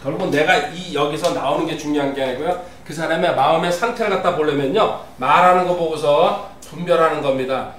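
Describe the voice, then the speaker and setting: High-voiced pastor preaching in a roomy hall. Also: male voice, fairly quick, hardly any pauses, fairly bright tone, a little hiss or hum. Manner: teaching with scripture readings, asks the congregation questions. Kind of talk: sermon. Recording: roomy, distant, faint ambience.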